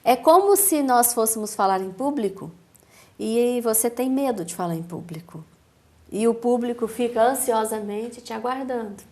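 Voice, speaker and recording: A woman with a Brazilian accent, a speech therapist giving a calm, didactic explanation in a TV interview, with measured pauses. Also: fairly high pitch. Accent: Brazilian Portuguese.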